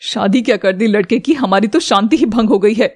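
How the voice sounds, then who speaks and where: A woman voicing a callous, grumbling older mother-in-law in an animated serial. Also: medium pitch, brisk, husky, close to an everyday voice. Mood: annoyed.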